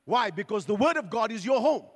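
Man, pastor, fervent sermon, high voice, long hall echo. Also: very animated. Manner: preaching with rising fervor and slow emphatic points. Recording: long hall reverb with faint music.

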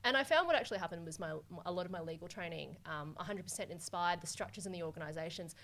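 Lively woman, lowish voice. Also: quick pace, slight background noise. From Hong Kong. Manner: energetic, candid, casual swearing. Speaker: guest, business coach. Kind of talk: podcast interview.

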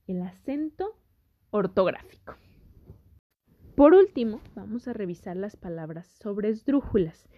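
A woman teacher giving a grammar lesson, patient and speaking straight to her students. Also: mid-range voice. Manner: slow, patient, addresses students directly. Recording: dull lo-fi audio.

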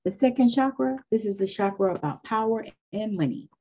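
A woman's voice: medium pitch, expressive, a little fast, warm tone, dull audio, a little hiss or hum. A woman in her fifties giving an earnest, encouraging spoken lesson on spiritual growth in a loose, conversational way. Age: 50s. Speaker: spiritual teacher.

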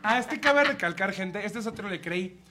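A man with a Mexican Spanish accent co-hosts a casual comedic chat, his voice bright and sharp. He laughs through crude stories and acts out the sounds he describes. A faint hiss sits under the recording. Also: sits high, lively intonation, moderate pace. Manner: crude, laughing storyteller who acts out moans. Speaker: podcast co-host.

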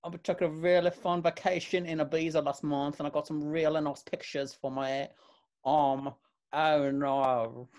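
A man's voice: a little high, little pitch movement, a little slow, a little mellow, natural voice. A man voicing a bubbly young internet influencer who gushes to followers in a sing-song accent with added R sounds. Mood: gushing. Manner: bubbly, gushing, rambling with ums.

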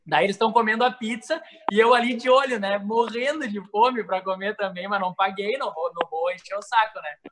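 A man guest telling lively anecdotes in casual chat, repeating key phrases for effect. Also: high voice, fairly quick, hardly any pauses, a crowd in the background, low-quality recording. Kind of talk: casual storytelling.

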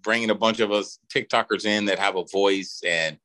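A man's voice: fairly low pitch, fairly even intonation, normal speed, sharp tone. A middle-aged man talking as a podcast guest in casual chat, rambling with lots of fillers and restarts. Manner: rambling, drawling talk with frequent fillers and restarts.

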